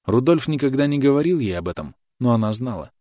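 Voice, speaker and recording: A man narrating an audiobook in a measured, expressive way. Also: medium pitch, no echo, clean studio sound.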